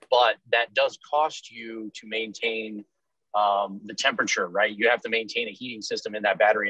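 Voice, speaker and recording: A man's voice: mid-range voice, fairly bright tone, breathy edge, no echo, low-quality recording. A man on a video call stepping in to answer an audience question, explaining directly. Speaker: company staff answering chat questions. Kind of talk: webinar explanation.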